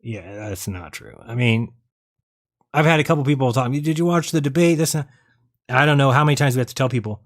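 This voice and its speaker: A man with a medium-pitched, slightly fast voice hosts a live online debate and call-in show. He rambles casually and bluntly, thinking aloud and sometimes reading viewer comments.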